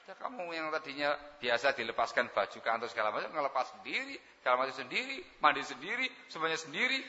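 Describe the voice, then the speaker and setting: A man preaching a sermon, acting out household scenes and swinging between loud outbursts and hushed asides. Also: medium pitch, very animated, fast, hardly any pauses, in a large hall, muffled recording.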